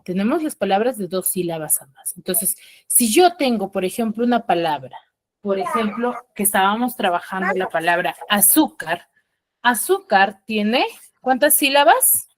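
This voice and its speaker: A woman's voice: medium pitch, lively intonation, normal speed. A woman teacher giving an online class over a video call, often checking in with short questions to her pupils.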